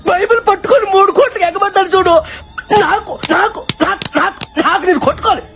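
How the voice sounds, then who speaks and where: An actor playing a cowardly, easily spooked young man who yelps and shouts in panic in a comic film scene. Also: very high-pitched, fast, creaky, music in the background. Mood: ranting. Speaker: film comedian.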